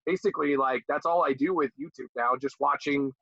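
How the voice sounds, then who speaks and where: A man's voice: fairly high pitch, brisk, vocal fry, pushed and bright, slightly rough, no room sound. A man co-hosting a podcast over a video call, chatting casually in a rambling, laid-back way and swearing freely. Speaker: podcast co-host. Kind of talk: casual chat. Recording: muffled dull video call audio.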